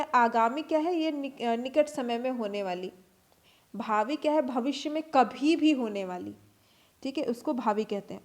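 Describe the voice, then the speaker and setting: Woman teacher, slightly high voice, patient step-by-step lecturing style. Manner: explains step by step, repeats terms, frequent "ठीक है" and fillers. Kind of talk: classroom lecture.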